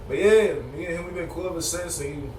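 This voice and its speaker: Fast-talking young man, roomy echo. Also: a little high, darkish tone. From Haiti. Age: 20s. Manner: laid-back, laughs often. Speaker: podcast guest. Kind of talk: casual chat. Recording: roomy echo, distant mic, clear room noise.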